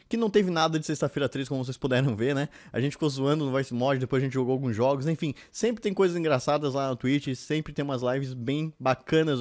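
A young Brazilian man with a fairly high voice chats casually to his viewers. He speaks as a YouTuber close on a desk mic, with faint music. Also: a little mellow. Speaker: YouTuber and streamer. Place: small furnished room. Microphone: close desk microphone.

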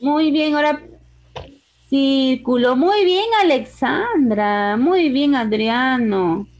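A woman teaching a kindergarten class over a video call. She coaxes the children in a sing-song way and stretches words out slowly. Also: sits high, darkish tone. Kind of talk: online class for small children.

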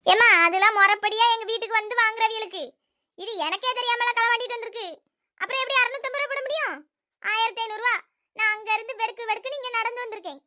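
A bossy village woman with a Thoothukudi Tamil accent, played by a woman, in a comedy sketch, her voice sitting extremely high. The tone is sharp and bright, and she haggles and scolds in quick village banter. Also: steady tone. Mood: demanding. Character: shrill bossy village woman demanding payment for a stolen hen.

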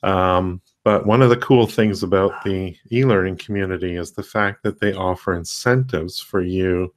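A man hosting a casual tutorial livestream, talking in a rambling, halting way with many fillers and restarts. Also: deep voice, steady tone. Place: home desk with a laptop.

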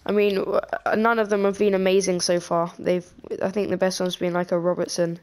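Excitable woman opening game packs. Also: lowish voice, a little fast, clear, resonant tone. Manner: excitable, easily scared. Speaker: gaming channel co-host. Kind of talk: casual pack-opening commentary.

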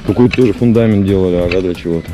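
A man's voice: sits low, rapid-fire. A man chatting enthusiastically and casually while walking around an outdoor jungle site, with lots of fillers. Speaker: vlogger touring a building site. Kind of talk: casual walk-and-talk. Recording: loud music over the voice.

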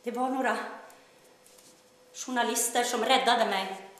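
Actress as a wry, troubled self-proclaimed daughter of God, high voice, very echoey stage room. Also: female voice, fairly even intonation, natural voice. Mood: storytelling. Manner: wry, shifting between bursts of loud speech and hushed telling. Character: troubled woman claiming to be God's daughter. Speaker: stage actor in a monologue. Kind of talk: theatrical monologue.

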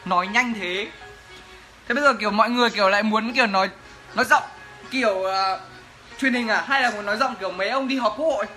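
A man's voice: high-pitched, fast, pauses often, bright, forceful tone, faint music behind. A young man, chatting playfully in a casual Q&A vlog. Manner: playful, joking, chatty with laughs. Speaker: vlogger. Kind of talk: casual Q&A chat to camera.

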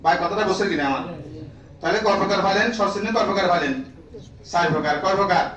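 High-voiced man lecturing in an echoey room. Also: rapid-fire, fairly bright tone, far from the mic. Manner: drills the room with repeated questions, prods listeners. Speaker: teacher trainer. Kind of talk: classroom lecture to teachers.

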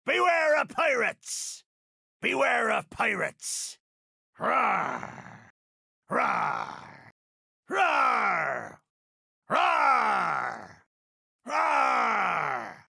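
Swaggering older game pirate captain, raspy and forceful, pitched fairly high, thick West Country pirate accent, grand archaic delivery. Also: male voice, wildly swooping pitch, extremely slow, pauses often, no room sound, clean studio sound, full character voice. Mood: fierce. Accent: theatrical West Country pirate. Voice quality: gravelly, raspy. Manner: theatrical, rolling archaic pirate phrasing. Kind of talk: video game character voice lines.

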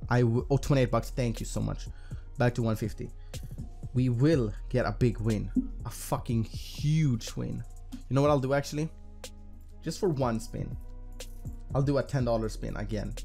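A man with a mid-pitched voice chats casually to viewers while streaming slots. He talks in slangy, sweary bro speak, with music behind him. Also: moderate pace, vocal fry, pauses often, mellow. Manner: profane, slangy bro talk. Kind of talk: casual gambling commentary to viewers.

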